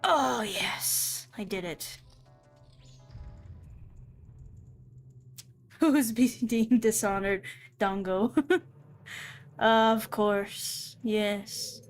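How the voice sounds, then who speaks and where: Slow-talking giggly woman streamer. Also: medium pitch. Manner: giggly, playful, self-mocking. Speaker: VTuber streamer. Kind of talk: casual gameplay commentary. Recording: faint game music behind. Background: faint game music.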